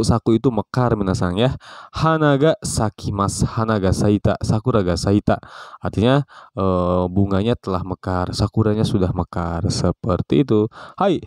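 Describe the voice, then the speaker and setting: A man teaching a casual vocabulary lesson, calling out each new word brightly and explaining it with relaxed, chatty example sentences. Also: lowish voice, no room sound. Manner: relaxed, chatty, frequent fillers. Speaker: Japanese language teacher.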